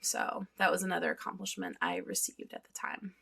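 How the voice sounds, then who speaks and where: Candid chatty woman, bright gravelly voice. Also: on the low side, level tone, brisk. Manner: chatty and candid, swears freely, frequent "like" fillers; eating while talking. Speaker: vlogger. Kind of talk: casual confessional vlog.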